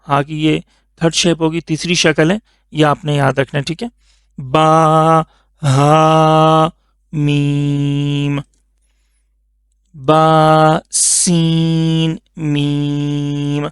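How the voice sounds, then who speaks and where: A man's voice: fairly high pitch, no room sound, clean studio sound. A man teaching a lesson, reading out letters one by one and explaining patiently, often checking that the learner follows. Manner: patient, repeats "theek hai?" to check understanding.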